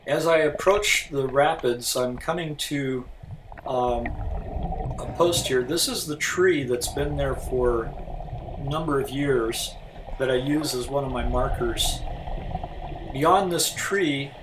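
A man's voice: medium pitch, slow pace. Older man, distant and noisy recording. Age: older, around 70s. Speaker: scuba diver and vlogger. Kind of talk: informal explanatory narration. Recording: distant, noisy outdoor camera audio.

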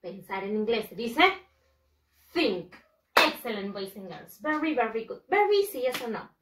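A woman teaching English to small children, a Spanish speaker who stretches each word out slowly and repeats it for drills. Her voice sits a little high. It sounds roomy and echoey, as if the mic were some distance from her. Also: very animated. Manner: slow, emphatic drilling of pronunciation, switching languages. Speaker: first-grade English teacher. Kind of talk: bilingual classroom lesson.

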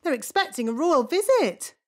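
A woman voicing a bossy, no-nonsense fairy nanny in a cartoon, brisk and matter-of-fact. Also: sits high, very animated.

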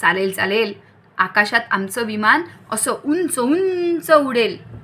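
A woman doing a gentle, soothing grandfather. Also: a little high, takes it slowly, full character voice.

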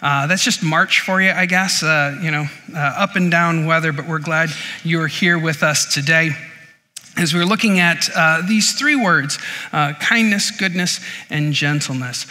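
A man's voice: a little high, unhurried, bright, forceful tone. A man preaching a sermon as pastor, in a chatty, casual way with many fillers and restarts. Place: church sanctuary. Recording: long reverb of a church hall.

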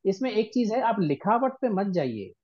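A man teaching a ghazal-writing workshop, patiently counting syllables aloud and reciting lines of verse slowly. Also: high-pitched, sing-song, darkish tone, dull audio. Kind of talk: online workshop lesson.

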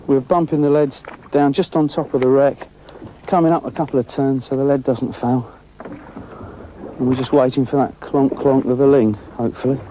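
Middle-aged male angling host, mellow and chatty, recorded outdoors on a boat at sea. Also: medium pitch, moderate pace, a little hiss or hum. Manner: chatty, excitable, talks while fishing. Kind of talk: casual on-location commentary.

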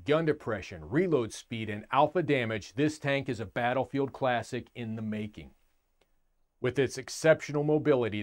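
A middle-aged American man hosting a scripted game review, with military-style phrasing. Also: fairly high pitch. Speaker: host of tank game reviews.

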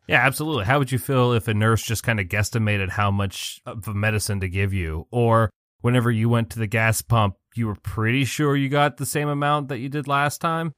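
A man's voice: medium pitch, a little fast, few pauses, a bit bright, dry recording, studio quality. A man co-hosting a podcast in a casual chat, laid-back and wry. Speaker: podcast co-host.

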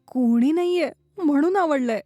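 A woman playing a teasing high-voiced girlfriend. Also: normal speed, mellow, no echo, studio quality, soft background music, natural voice. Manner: teasing and playful. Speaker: girlfriend in a short film. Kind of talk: short film acting.

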